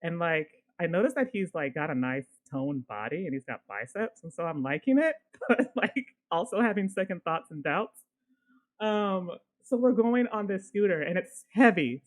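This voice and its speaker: A woman co-hosting a podcast, telling a personal story in a casual, animated way and swearing now and then. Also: fairly low pitch, normal speed. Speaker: podcast co-host.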